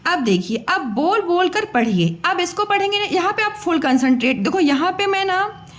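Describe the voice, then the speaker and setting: A woman teacher giving a patient, coaxing lesson to children, sounding out letters slowly and repeating them. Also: very high-pitched, sing-song, fairly bright tone.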